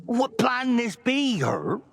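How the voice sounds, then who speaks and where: A man's voice: very high-pitched, big pitch swings, slow, gravelly, slightly rough, full character voice. An actor playing a timid young male mole in a video game, with folksy broken grammar and hesitant speech. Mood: curious. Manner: hesitant and unsure.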